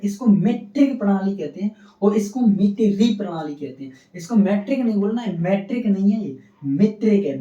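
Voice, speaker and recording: A male science teacher lectures in a rather dark, mellow voice, firing questions and answering them himself, repeating each key term. He sounds distant in an echoey room. The recording is dull and muffled. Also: high voice. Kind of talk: classroom lecture.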